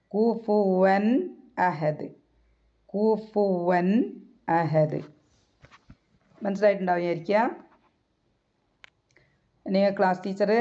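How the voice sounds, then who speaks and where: A woman teaching a Quran recitation lesson, patiently repeating words slowly and asking guiding questions. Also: mid-range voice, warm tone. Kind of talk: tajweed lesson. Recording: dull, lo-fi recording.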